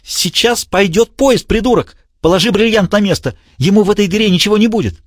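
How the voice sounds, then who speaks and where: A man doing a shrill, frantic villain. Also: fairly quick, no room sound, clean studio sound. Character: desperate furious male villain, shrill.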